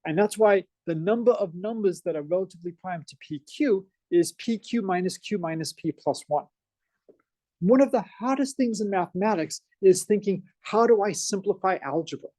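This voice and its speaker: This Boston-accented math professor lectures a classroom at a moderate pace, full of energy and constantly asking his students questions. His voice is high-pitched yet mellow and dark, recorded close and dry with no echo or much room sound.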